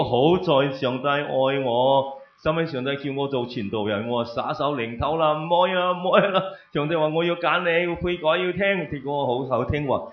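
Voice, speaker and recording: Older man preaching an exclamatory sermon. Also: a little high. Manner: animated, exclamatory, fires rhetorical questions and answers them. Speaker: pastor. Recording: roomy, dull lo-fi recording.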